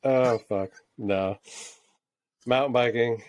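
A man's voice: medium pitch, takes it slowly, darkish tone, no room sound, lo-fi sound. A man co-hosting a casual podcast chat, laid-back and laughing often, swearing freely. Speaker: podcast co-host, tattoo artist.

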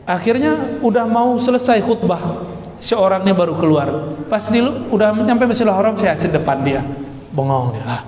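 High-voiced preacher. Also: male voice, normal speed, slight background noise. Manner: animated storyteller, asks the audience questions. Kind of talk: religious lecture with storytelling. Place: hall with long reverb. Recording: echoey hall, faint background ambience.

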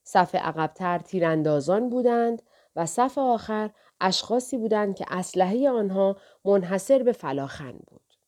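A woman narrating an audiobook of a historical novel in a steady, measured reading. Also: medium pitch.

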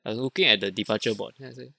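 A man's voice: medium pitch, fairly even intonation, very fast, creaky, pushed and bright. A Singaporean man chatting casually, telling an anecdote in colloquial style with rhetorical questions and quoted dialogue.

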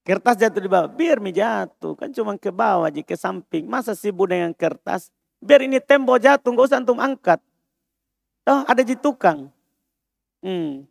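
High-voiced male religious teacher. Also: animated, normal speed, gravelly, no echo, studio quality. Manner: repeats terms, translates, quizzes students. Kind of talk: classroom lesson on Arabic grammar. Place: mosque study class.

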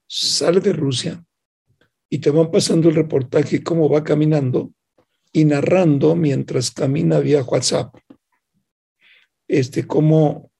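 A radio program host with a fairly high, creaky, dark and slightly rough voice leads a reflective talk. He retells a news story, performs both sides of its dialogue, and poses rhetorical questions to the listener.

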